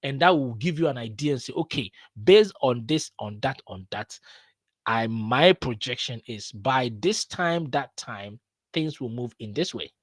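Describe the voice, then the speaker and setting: A man's voice: medium pitch, expressive, unhurried, dry recording. A man hosting a live stream, explaining things step by step with many filler sounds. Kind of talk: casual live-stream talk.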